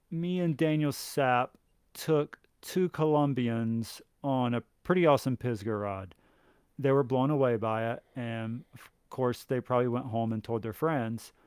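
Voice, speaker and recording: A man hosting a podcast in casual chat, relaxed, with short affirming replies. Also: medium pitch, smooth, no room sound, studio quality. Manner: relaxed, brief affirming interjections. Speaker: podcast host.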